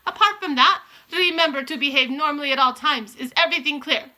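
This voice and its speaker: A woman reading aloud, voicing the Grand High Witch, a commanding female witch leader who screeches her orders. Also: brisk, sharp tone.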